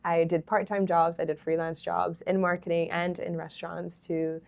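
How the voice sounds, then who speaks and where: A young woman founder in a casual interview, relaxed and chatty, with many ums and easy laughs. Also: on the low side, moderate pace, vocal fry. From Hong Kong. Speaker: startup founder, interview guest.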